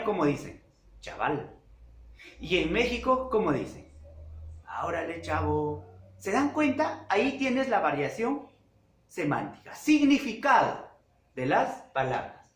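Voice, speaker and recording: Slow, expressive male teacher. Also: sits high. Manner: slow, deliberate, repeats key terms and checks with "¿ya?". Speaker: secondary school language teacher. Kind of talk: classroom lecture to students. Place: classroom with a whiteboard. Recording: echoey classroom.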